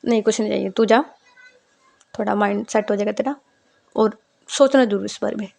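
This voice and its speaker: A woman voicing a middle-aged mother who speaks gently and with care. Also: medium pitch, steady tone, a little fast, vocal fry. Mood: gentle.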